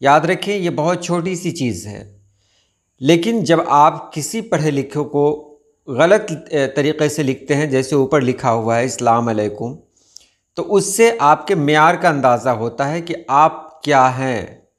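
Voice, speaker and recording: A man teaching correct Urdu pronunciation, repeating each word slowly and carefully. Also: fairly high pitch, expressive. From India. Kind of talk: pronunciation lesson.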